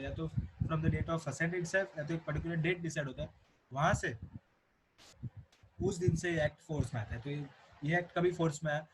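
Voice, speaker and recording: A man's voice: a little high, background noise. A young man with an Indian accent explains a law to students in a recorded lecture and repeats key points often. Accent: Indian English. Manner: explanatory, repeats key points, mixes English terms into Hindi. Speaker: teacher.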